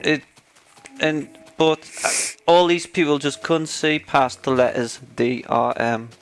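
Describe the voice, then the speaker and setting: A man's voice: fairly high pitch, slow pace, clean tone. Ranting man, worked up. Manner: ranting, sarcastic, gets worked up. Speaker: podcast co-host. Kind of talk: casual gaming chat while playing.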